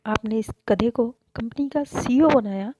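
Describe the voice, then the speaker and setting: A woman's voice: a little high, a little slow, background noise, lightly acted. A woman doing a scolding old grandmother. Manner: scolding, questioning. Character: stern but loving old grandmother.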